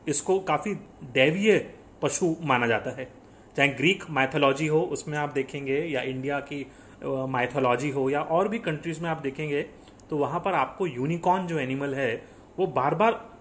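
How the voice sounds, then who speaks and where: Male teacher, slightly high voice, question-and-answer lecture, faint hum behind. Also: moderate pace, fairly bright tone. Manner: explains step by step, asks and answers his own questions; mixes in English phrases. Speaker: exam-prep teacher. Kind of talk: classroom lecture with quiz questions.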